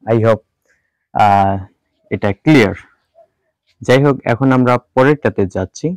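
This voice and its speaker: A male tutor talks through letter sounds very slowly, saying each one several times and mixing English words into his explanations. His voice sits at a middling pitch. The recording is dry and close, with no room echo. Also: a little mellow. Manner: mixes Bengali with English words. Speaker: English teacher. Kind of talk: spoken language lesson.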